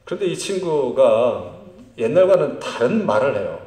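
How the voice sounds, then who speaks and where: A middle-aged man preaching a sermon as pastor of a church, swinging between loud emphatic lines and very quiet ones. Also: mid-range voice, moderate pace. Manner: lively, animated delivery. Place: church sanctuary. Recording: roomy church sound.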